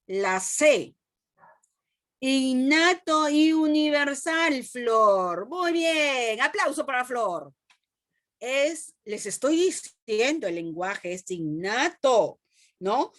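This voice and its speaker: A woman with a Peruvian Spanish accent teaching a class, asking the students questions and repeating phrases slowly. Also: on the high side, a bit bright. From Peru. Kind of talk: classroom lesson.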